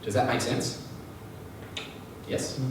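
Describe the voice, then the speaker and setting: A man's voice: slow, a little hiss or hum. A male sales trainer teaching a live seminar, chatty and often checking that the audience is following. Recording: echoey room, mic far off.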